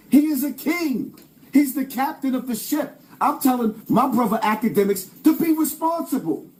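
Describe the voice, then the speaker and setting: Man, high voice, commentator ranting to camera, emphatic and preachy, repeats his points. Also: darkish tone. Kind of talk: direct-to-camera rant.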